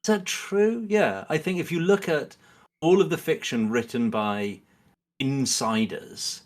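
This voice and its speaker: Speaking at a measured pace in a medium-pitched voice, this man is a guest on a podcast. His casual talk wanders as he explains what he thinks, full of hedges and little acted-out quotes of what people might say.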